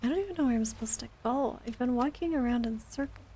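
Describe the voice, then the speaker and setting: Talking fast in a mellow, slightly breathy voice that sits a little high, this woman streams a game. Her chat is casual and meandering, like she's thinking out loud.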